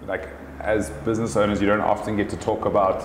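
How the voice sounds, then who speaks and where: A South African man in his thirties, a business owner talking casually as an interview guest, relaxed and thoughtful, with many fillers and restarts. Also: fairly low pitch, fast talker, slight background noise. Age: 30s. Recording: echoey room with long reverb.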